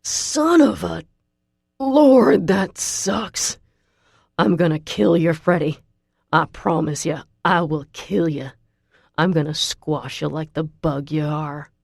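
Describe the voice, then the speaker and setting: A woman voicing an injured young man who shouts and pleads in pain. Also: sits low, slow, vocal fry, dry recording, clean studio sound, exaggerated voice. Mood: furious. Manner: shouting, groaning in pain, desperate. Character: injured furious young man, Southern drawl.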